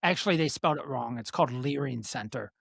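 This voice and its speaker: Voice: mid-range voice, animated, fast talker, vocal fry, fairly bright tone, no echo, clean studio sound. Podcast host who can't say R's. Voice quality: speech impediment, cannot pronounce R sounds, says W for R. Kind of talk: casual political talk.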